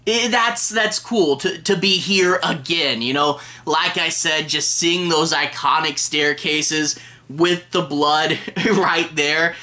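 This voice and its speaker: A man in his thirties chats casually and enthusiastically to camera as a film reviewer and host. His voice is a little high with a sharp tone. He's in a small room lined with DVD shelves.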